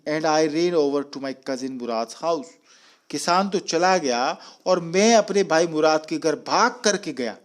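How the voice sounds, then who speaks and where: A man teaching an English story, reading lines slowly and explaining each in Hindi. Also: a little high.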